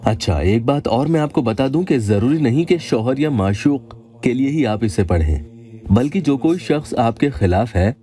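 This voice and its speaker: A man giving scripted voice-over narration of religious instruction, calm and measured, reciting Arabic verses slowly. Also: medium pitch. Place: voice-over studio.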